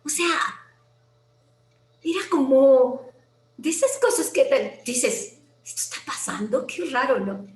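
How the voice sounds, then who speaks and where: A woman with a Mexican accent, a guest telling a personal story in a lively way, acting out quoted voices and sometimes dropping to a near whisper. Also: high voice, takes it slowly, long pauses. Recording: roomy with faint background noise.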